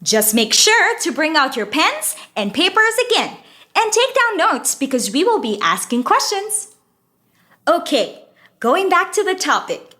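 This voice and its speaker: A woman acts as a bright young female friend in an educational radio play. Her voice is high and very lively in pitch. She explains science patiently, in a knowing and lightly teasing way. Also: measured pace, heavily acted. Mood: patient, explanatory. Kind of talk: scripted educational audio drama.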